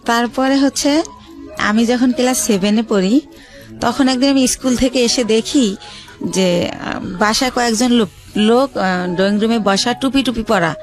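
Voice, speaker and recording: A woman from Bangladesh, a guest on a radio show, tells her life story hesitantly with many pauses and fillers. Her voice is fairly high, and soft music plays in the background.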